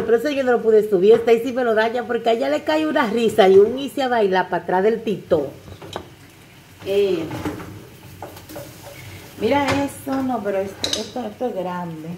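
Chatting away to her "chicas," this older cooking channel host films a casual vlog while she cooks at home. She speaks at a moderate pace in a fairly high, expressive, mellow voice. There's slight background noise, and the kitchen echoes with clattering pots.

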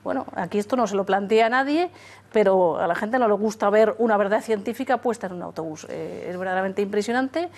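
A woman's voice: mid-range voice, brisk, darkish tone. A woman in her fifties, a spokeswoman answering emphatically in a studio interview. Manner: emphatic, repeats key phrases. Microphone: lapel.

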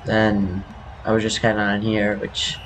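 A man's voice: on the low side, monotone, a little slow. A young man giving casual, rambling commentary over his own gameplay, his voice scratchy from just waking up. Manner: rambling, self-correcting, apologetic. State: scratchy morning voice. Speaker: gaming youtuber.

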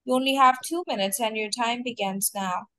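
High-voiced woman examiner, dry sound. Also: a bit bright, no room sound. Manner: clear, measured questioning. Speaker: English test coach. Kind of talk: mock speaking test examiner.

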